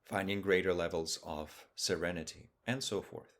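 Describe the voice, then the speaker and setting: Calm and low-voiced, a man teaches a guided meditation using brief, measured phrases broken up by long pauses.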